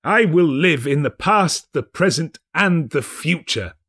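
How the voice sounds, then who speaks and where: A man voicing a giddy, overjoyed old miser reformed overnight, excitable, breathless and full of exclamations, in a storybook reading. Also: a little high, a little slow, husky, voice pushed up, exaggerated voice. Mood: fervent joy.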